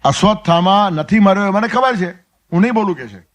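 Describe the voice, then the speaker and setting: A man's voice: sits high, lively intonation, a little fast, muffled recording. A man with a Gujarati accent giving a Gita discourse, telling stories and acting out the characters' lines. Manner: storytelling, acts out dialogue with sudden drops to soft asides. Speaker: spiritual discourse speaker.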